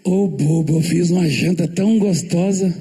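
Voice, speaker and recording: A preacher playing a teasing wife from Minas. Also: male voice, sits high, moderate pace, mellow, slightly rough, voice pushed down.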